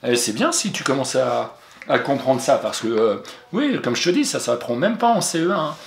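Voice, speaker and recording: A patient, encouraging man walks a young pupil through spelling, sounding out each letter. His voice sits at an ordinary middle pitch. The room around him rings with noticeable echo. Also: sing-song, moderate pace, gravelly. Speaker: teacher. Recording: roomy echo.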